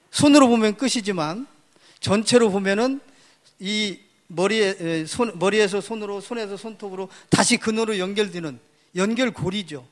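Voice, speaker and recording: During a public lecture, a high-voiced man breaks down every character piece by piece while pointing at the board. He frequently poses questions and then supplies the answers.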